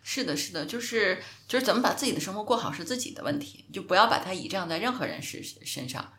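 A woman's voice: medium pitch, lively intonation, fast, a bit bright. A woman hosting a casual podcast chat who agrees readily and puts her own views with emphasis. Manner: agreeable, with brief affirmations and emphatic opinions. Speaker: podcast host.

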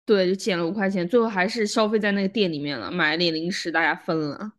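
A woman co-hosting a casual chat podcast, laughing often and talking in halting bits with restarts. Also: lowish voice. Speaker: podcast co-host.

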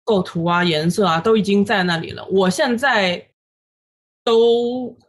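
A woman in her thirties, a guest illustrator on a podcast, recounting her story in an animated way with many fillers and English words dropped in. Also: medium pitch, unhurried, a little hiss or hum. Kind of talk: casual podcast interview.

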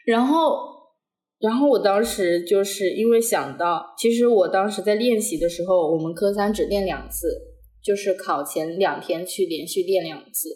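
A young woman hosts a casual podcast chat, telling her story in an animated way. She laughs often and acts out what others said. Her voice sits mid-range and rings in a roomy, echoey space. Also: mid-range voice, normal speed. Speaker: podcast host. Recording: echoey room.

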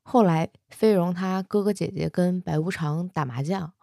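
A woman casually retelling a fantasy romance novel, chatty, with soft particles at the ends of her sentences. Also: on the low side, moderate pace, creaky, no echo, studio quality. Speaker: storyteller.

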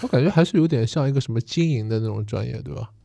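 He is a man chatting casually as a co-host, quick in his delivery. His voice is mellow and close and dry, and he chimes in with short supporting comments. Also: medium pitch, creaky, dry recording. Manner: chiming in with short supporting remarks. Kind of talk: casual chat.

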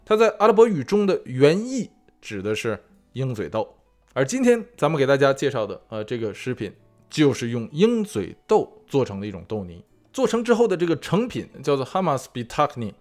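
A man's voice: medium pitch, sing-song, brisk, a little mellow, soft background music. A man hosting a food show, explaining in a chatty way with many fillers and asides. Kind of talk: casual explainer monologue. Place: lives in California.

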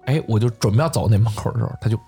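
A young man on a podcast, telling a story in an animated, excitable way. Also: lowish voice, rapid-fire, slightly rough, soft background music. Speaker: podcast co-host. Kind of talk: casual storytelling chat.

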